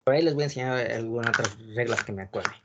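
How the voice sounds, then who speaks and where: A man teaching an online wine course over a video call, explaining patiently and often checking in with quick tag questions. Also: medium pitch, lo-fi sound, very noisy. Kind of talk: online class lecture.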